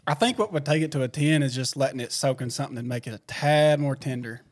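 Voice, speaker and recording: A man's voice: medium pitch, quick pace. A young man, an intern guest on a podcast, easygoing in casual chat.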